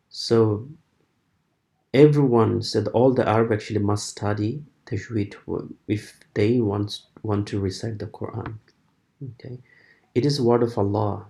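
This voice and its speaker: A man giving an informal spoken lesson as a Quran recitation teacher, explaining haltingly and often repeating or rephrasing his words. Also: on the low side, creaky, warm tone.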